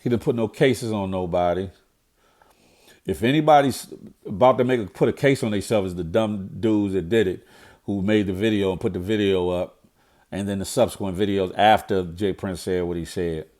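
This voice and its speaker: A middle-aged vlogger commenting on current events gives a blunt, preachy monologue, repeating himself when fired up. His voice sits low, a little mellow yet nasal and stuffed up as if from a cold, at a moderate pace.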